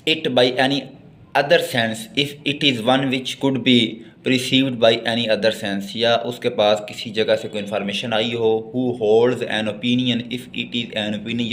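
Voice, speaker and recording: A man with a Pakistani accent and a medium-pitched, fairly bright voice gives a bilingual law lecture. He reads formal text aloud slowly and haltingly, then explains it by repeating and rephrasing his points.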